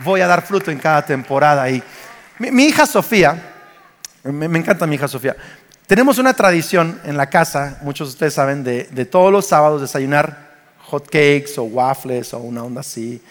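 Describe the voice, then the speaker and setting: A man's voice: fairly high pitch, lively intonation, normal speed. A man in his forties with a Mexican Spanish accent, preaching a sermon as pastor and telling stories with animation. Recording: long reverb of a church hall.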